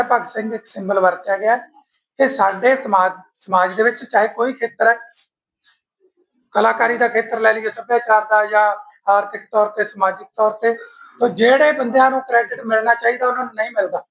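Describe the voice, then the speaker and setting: A Punjabi lyricist with a strained throat, speaking at an honour ceremony and singing his own songs slowly between remarks. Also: high voice, steady tone, fairly bright tone, low-quality recording. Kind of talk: speech with sung verses at an honour ceremony.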